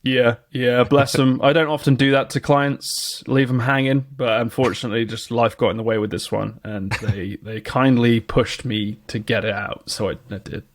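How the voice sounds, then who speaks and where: British man, podcast co-host, casual chat, nostalgic, mid pitch. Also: steady tone, moderate pace, hardly any pauses, no room sound, clean studio sound. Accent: British English. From Britain. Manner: enthusiastic, nostalgic, restarts often.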